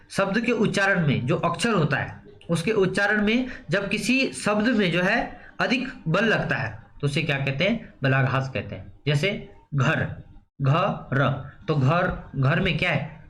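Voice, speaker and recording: A man's voice: on the high side, a bit bright. A man teaching an exam-prep grammar lesson. He asks questions and answers them himself, with a frequent "theek hai" to check in. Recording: roomy echo, faint background noise.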